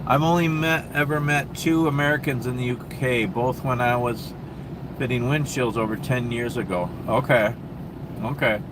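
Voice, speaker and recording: A man with a Minnesota accent hosts a casual livestream from a truck stop, answering viewer questions in a rambling, easygoing way full of ums and restarts. His mid-range voice holds a steady tone at normal speed over noisy traffic and air conditioning.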